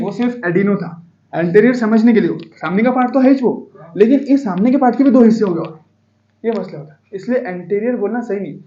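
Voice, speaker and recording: A male biology teacher lectures a class in Hindi, quizzing students with repeated call-and-response questions and asking them to call out answers. His voice is high with a dark tone, and the lo-fi recording has an echoey room sound.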